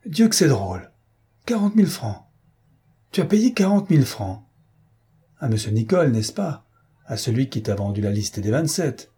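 A man voicing a gruff, furious male politician who blusters and hurls insults. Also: lowish voice, expressive, moderate pace, warm tone, exaggerated voice. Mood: mocking.

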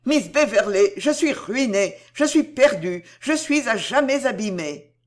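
Distraught ruined woman, high and wailing, voiced by an audiobook reader. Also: animated, unhurried, natural voice. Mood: despairing. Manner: wailing, loud.

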